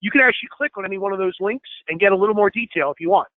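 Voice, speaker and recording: Quick-talking and fairly high-voiced for a man, this trainer explains a piece of software step by step while sharing his screen, leaning heavily on fillers and inviting questions. He sounds a bit hoarse and keeps clearing his throat. The dry recording has a thin, tinny quality like a phone call.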